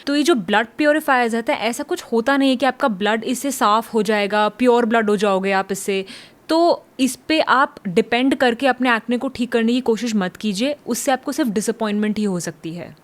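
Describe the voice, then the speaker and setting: Calm advising woman dermatologist. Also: on the high side, normal speed. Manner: calm, advisory, mixes English terms. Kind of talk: medical explainer.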